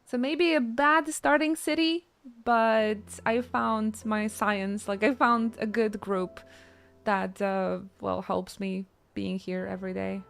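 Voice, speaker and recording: A woman's voice: medium pitch, fairly even intonation, takes it slowly, gravelly, fairly bright tone, clear, resonant tone. Joking streamer woman. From Poland. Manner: joking, self-mocking, laughs often. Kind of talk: casual chat with chat readers.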